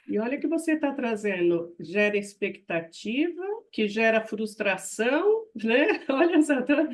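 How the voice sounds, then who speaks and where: A woman hosting a conversational podcast, who reads out viewer comments and adds her own lively remarks. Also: on the high side, unhurried. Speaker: podcast host. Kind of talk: conversational interview.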